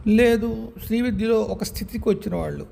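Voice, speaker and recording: High, gravelly male spiritual speaker. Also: warm tone, slight background noise. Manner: measured, with many pauses and self-corrections; mixes English words into speech. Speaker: spiritual talk host. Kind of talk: reflective spiritual talk.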